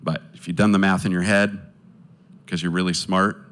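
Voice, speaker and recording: Speaking earnestly to a live audience, a man with a low, slightly bright voice shares his testimony and appeals for support. His pitch moves little, he pauses and restarts many times, and there's slight background noise.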